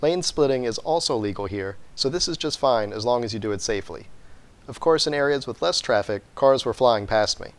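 An American man in his thirties presents a scripted review in the manner of an online explainer. His voice sits at a middling pitch for a man. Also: animated, brisk. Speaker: vlogger and product reviewer.

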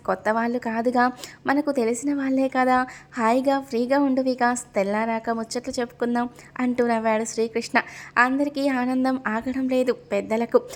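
A woman telling a story in scripted narration, her voice sitting a little high for a woman. She reads the characters' lines herself, shifting her tone only slightly. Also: creaky.

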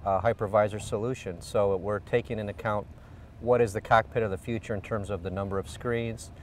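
A man's voice: lowish voice, fairly even intonation, fairly quick, distant mic, slight background noise. A middle-aged man, an engineering executive, explaining a product in an outdoor on-camera interview with frequent fillers. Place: outdoors beside a car. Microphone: lapel.

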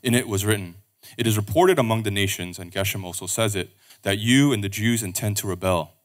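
A man reading scripture aloud at a pulpit microphone in a church service, steady and measured. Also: lowish voice.

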